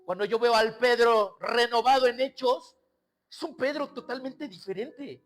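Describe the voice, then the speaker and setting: Very high-voiced preaching man. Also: measured pace, faint music behind. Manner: swings from loud raised exclamations to low quiet asides; acts out quoted voices and scenes. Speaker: pastor. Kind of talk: sermon.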